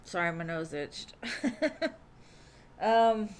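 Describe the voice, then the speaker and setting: This tarot reader streamer has a lowish, smooth voice and draws out her words. Her live readings are loose and chatty, full of fillers like "like" and "um," and she keeps calling viewers "love."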